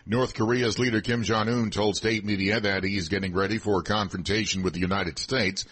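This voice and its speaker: A man with a low, husky voice reads scripted news headlines on the radio. He works as a newsreader, moving through items in a formal broadcast manner. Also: steady tone, a little fast, a bit bright.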